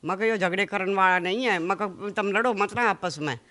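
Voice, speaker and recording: A woman's voice: mid-range voice, a bit bright. A woman with a Haryanvi accent, the mother of the man interviewed, pleadingly retelling a family fight in a local news interview. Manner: fast, pleading retelling with many quoted exchanges. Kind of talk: emotional interview account.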